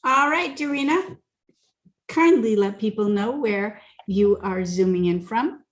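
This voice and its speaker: A woman with a mid-range voice and measured pace hosts a talk show in a casual, chatty style, occasionally stumbling over her words. It sounds like casual radio chat.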